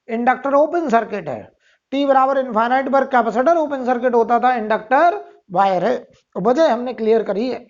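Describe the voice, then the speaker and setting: Male physics teacher, lecturing, answers his own questions and repeats phrases; muffled lo-fi recording. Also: extremely high pitch. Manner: keeps asking and answering rhetorical questions, repeats key phrases. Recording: dull lo-fi sound.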